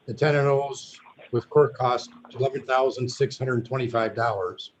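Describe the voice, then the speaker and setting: A man's voice: mid-range voice, fairly even intonation, moderate pace. Man on a dull, lo-fi video call. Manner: firm, matter-of-fact, businesslike. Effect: heard over a video call. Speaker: attorney for the plaintiff. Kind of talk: formal legal argument in a virtual court hearing. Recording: dull lo-fi video call audio with faint noise.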